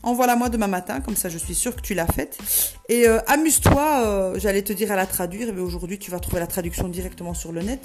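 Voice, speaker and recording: A woman's voice: mid-range voice, quick pace, darkish tone, natural voice. A woman voicing a confident female friend who firmly gives step-by-step instructions, with faint music behind. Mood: firm, encouraging.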